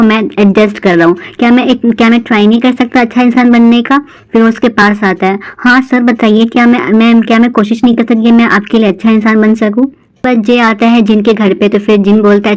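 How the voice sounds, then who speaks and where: A woman's voice: on the high side, level tone, fairly quick, low-quality recording. Woman narrating a show recap, chatty, just telling what happens scene by scene. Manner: retells each scene in quoted lines, plain conversational delivery. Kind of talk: casual storytelling recap.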